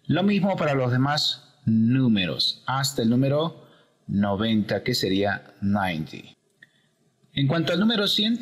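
A man's voice: medium pitch, fairly bright tone, slightly rough, in a large hall. A man teaching English pronunciation, patiently explaining step by step.

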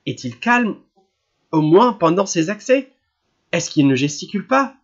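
A man voicing an imperious, impatient middle-aged noblewoman in an audiobook, with a sharp, questioning delivery. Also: high-pitched, very animated, a little slow, lo-fi sound, voice pushed up, full character voice. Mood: fussy. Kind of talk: audiobook character reading.

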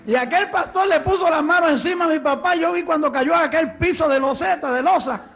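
Man, 30s, Puerto Rican accent, preacher, very high-pitched, animated storytelling, handheld mic, church hall. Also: a little fast. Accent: Puerto Rican Spanish. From Puerto Rico. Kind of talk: testimony sermon. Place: church hall stage at a pulpit.

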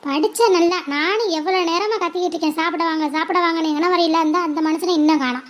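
A scolding mother in a home drama, played by a woman, her voice sitting very high. She nags her daughters in a sharp, constant stream. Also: fast. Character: scolding middle-aged mother of two girls. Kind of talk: family drama role-play.

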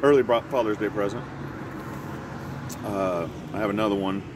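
A middle-aged man telling stories in a casual, halting ramble, easygoing and often correcting himself. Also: on the low side. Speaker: pipe vlogger. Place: outside by a house with siding. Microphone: camera a short distance in front. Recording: clear outdoor traffic or air-conditioner hum.

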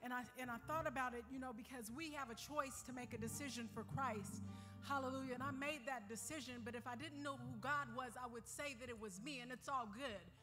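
A woman's voice: high voice, a little fast, music in the background. Older woman preaching with amens. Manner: call-and-response preaching with frequent amens. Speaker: guest preacher. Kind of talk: sermon. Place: church sanctuary.

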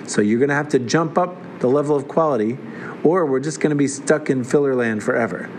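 A man's voice: medium pitch, brisk, slight background noise. A man hosting a comedic TV review, talking in a wry way with sarcastic asides. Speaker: host reviewing a TV series.

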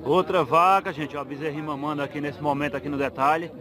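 A fairly high-voiced man talks in a casual, chatty way as he films. He keeps asking sellers for prices and says them back to his viewers. A busy crowd can be clearly heard around him outdoors. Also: fairly even intonation, fast talker. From Northeast Brazil. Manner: chatty, asks sellers prices, repeats answers to camera. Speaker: vlogger at a cattle fair. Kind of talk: casual on-the-spot video commentary. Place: outdoor cattle market with crowd.

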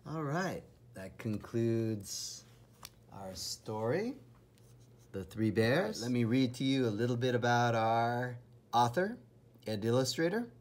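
Husky and breathy at a medium pitch, a man's voice carries a children's story, read deliberately with a dramatic, expressive flair.

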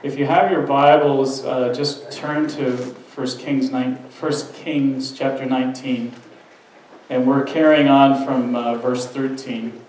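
An earnest male pastor delivers a conversational sermon in a church sanctuary, his medium-pitched, slightly mellow voice flat and slow. The mic sits some distance away in a very reverberant room, with a little hiss or hum, and he frequently stumbles and restarts sentences.

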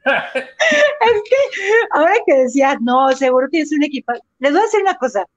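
A Mexican woman tells her story in an animated way, acting out her own reactions as she goes. The sound is dry and a little dull, like a live video call. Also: high-pitched, normal speed, no echo. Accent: Mexican Spanish. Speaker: interview guest, runner and entrepreneur. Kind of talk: casual interview over a live video call. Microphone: video call microphone.

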